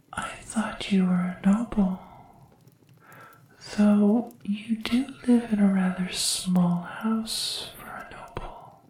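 A woman's voice: mid-range voice, a little mellow, very echoey, distant mic. A woman voicing a devoted, formal female servant from another world, whispering hesitantly and deferentially in an ASMR roleplay.

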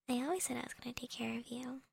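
A young woman whispering softly and teasingly into a close microphone, breaking into little laughs, in an ASMR girlfriend roleplay. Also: fairly high pitch, gravelly, slightly rough.

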